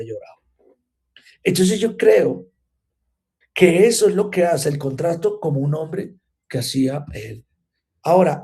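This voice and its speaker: A man teaching a church class on revival. His voice sits fairly high yet sounds mellow and warm, and he keeps drawing his listeners in with rhetorical questions. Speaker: Bible teacher.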